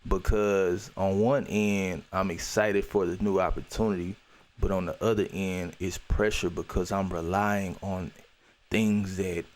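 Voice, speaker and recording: A man with a low voice talks through a personal story on his podcast, earnest and reflective. His speech is loose and conversational, full of "you know" and restarts. He comes back to key phrases to drive them home. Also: level tone, a little slow, a little mellow. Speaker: podcast host.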